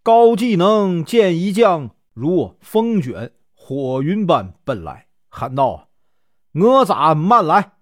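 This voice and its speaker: A man telling a classic legend in a casual, chatty storytelling way, with lots of drawn-out filler particles. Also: a little high, very animated, darkish tone, no echo, clean studio sound.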